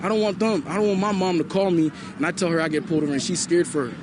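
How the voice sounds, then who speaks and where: At a night protest near a mall, a young Liberian man speaks in a street interview over a noisy background. His voice sits high and steady as he races along, impassioned and repetitive, often asking "you know?"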